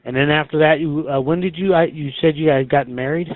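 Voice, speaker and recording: A man conducting a casual interview, asking halting, hesitant questions with many pauses. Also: on the high side. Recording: tinny phone-like band, roomy echo.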